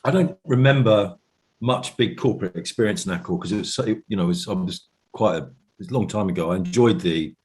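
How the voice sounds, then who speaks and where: Low-voiced man, reflective interview guest. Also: a little fast, darkish tone. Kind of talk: casual reflective interview chat.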